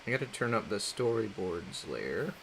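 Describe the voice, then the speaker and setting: A man's voice: lowish voice, sing-song, normal speed, creaky, a bit bright, slight background noise, low-quality recording. A man casually chatting on a livestream while drawing, reading chat aloud, rambling and laughing often. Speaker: artist streaming while drawing.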